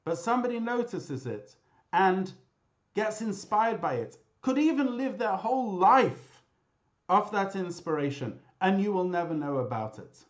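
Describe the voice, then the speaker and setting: A man, a rabbi, giving a memorial talk with lively storytelling, mixing in Hebrew and Yiddish terms, heard over a video call. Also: sits high, a little slow, highs cut off. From Britain.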